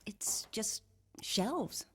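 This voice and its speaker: A woman's voice: drawn-out words, sharp tone. A woman playing a wary, reluctant young travelling companion in an audio drama, anxious and questioning. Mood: wary, uneasy. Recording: music underneath.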